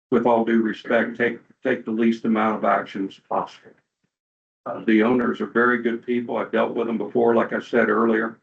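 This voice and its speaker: A man's voice: fairly low pitch, creaky. A middle-aged man, a city council member, making an earnest, plain-spoken appeal at a board hearing in a courtroom-style recording. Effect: courtroom-style hearing room recording. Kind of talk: public comment at a board hearing. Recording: dull muffled hearing room recording.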